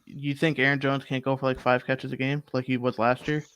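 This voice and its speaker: A young man co-hosting a sports betting show, arguing football picks in casual, animated talk full of fillers. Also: medium pitch, brisk, smooth. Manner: animated, argumentative, rambling with fillers.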